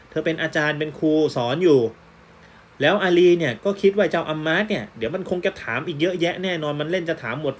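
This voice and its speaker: Fairly high-voiced male teacher, patient. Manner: explains patiently, repeats each word twice for students. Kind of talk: online language lesson.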